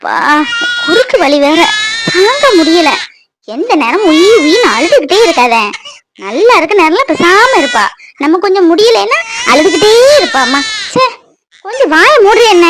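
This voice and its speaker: A complaining young mother from a cartoon, voiced by a woman. Her high, whiny voice keeps nagging and scolding, and the recording is dry and close with no room sound. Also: dry recording. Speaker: mother of a crying baby.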